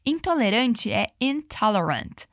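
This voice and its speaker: Higher-pitched woman, slow drilled English. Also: big pitch swings, fairly bright tone, dry recording, studio quality. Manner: slow, drawn-out English model phrases; encouraging, repeats drills. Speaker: English teacher. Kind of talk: language lesson.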